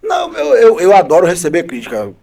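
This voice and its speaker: Man, high voice, combative politician guest, punchy rhetorical questions. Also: wildly swooping pitch, brisk, creaky, dark tone. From Bahia, Brazil. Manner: combative, emphatic criticism with repeated rhetorical questions. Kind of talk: podcast interview.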